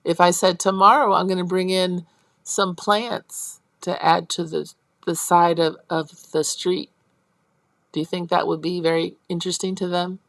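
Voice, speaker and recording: At a measured pace and with vocal fry, this woman teaches a college lecture on early childhood education in a dry recording. She breaks things down step by step, checks on her students, and voices teacher and child parts in a high, animated tone.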